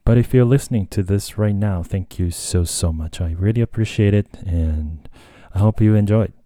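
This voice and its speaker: A man's voice: on the low side, normal speed, dark tone, no echo, clean studio sound. A young Japanese man with a Japanese accent hosting a casual solo podcast, talking hesitantly with many fillers and self-corrections. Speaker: podcast host. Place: Tokyo, Japan.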